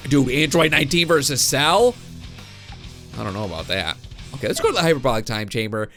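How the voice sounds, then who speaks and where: Fairly quick and very animated, the young host talks at a medium pitch with a creaky, rather bright tone. He's getting over a cold, so his voice is a little off, and he keeps chuckling as he muses hesitantly through casual gameplay commentary over game music.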